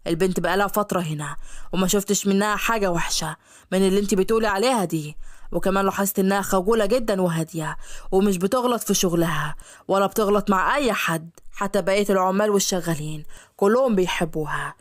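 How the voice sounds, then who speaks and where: A woman voicing a kind, quiet-loving young man from a rich family in an Egyptian-accented audio story, speaking in a calm, reasoning tone. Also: mid-range voice, fast talker, close to an everyday voice.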